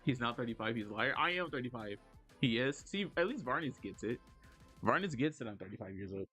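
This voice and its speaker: A man in his thirties talks briskly while drawing on a livestream, with faint music playing behind him. He rambles, says "like" constantly, and his pitch leaps lively when he responds to chat.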